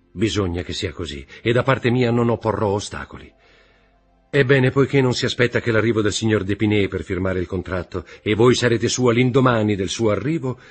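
A husky-voiced man playing an earnest young lover, speaking in a grave, intense way. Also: fairly low pitch, pitched above the performer's own voice. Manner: grave, earnest, slightly raised delivery.

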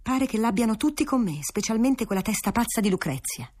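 A woman's voice: fairly high pitch, lively intonation, brisk, a little mellow, breathy edge. A woman voicing a proud, resentful young nobleman who speaks indignantly in a raised voice.

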